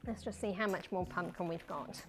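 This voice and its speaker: A woman's voice: fairly low pitch, steady tone, a little fast, over music. Chatty woman with a broad Kiwi accent. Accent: broad New Zealand. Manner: chatty, jokey, colloquial. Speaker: livestream host. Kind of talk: casual livestream chat while cooking.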